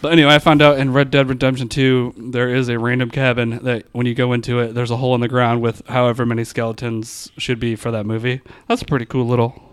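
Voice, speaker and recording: A man's voice: mid-range voice, level tone, fast talker, hardly any pauses, clear, resonant tone, no room sound. A man hosting a podcast in a home garage, chatting casually with crude, joking, profane humor. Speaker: podcast host. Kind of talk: casual comedic chat.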